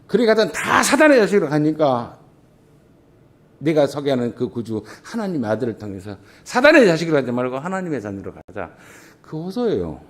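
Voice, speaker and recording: A middle-aged man preaches from the pulpit of a church, his voice rising and falling in wide, lively swings. He throws rhetorical questions out to the congregation and drives his points home with emphatic bursts. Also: fairly quick. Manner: emphatic preaching with big swings in pitch and volume. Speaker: pastor. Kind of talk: sermon. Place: church sanctuary.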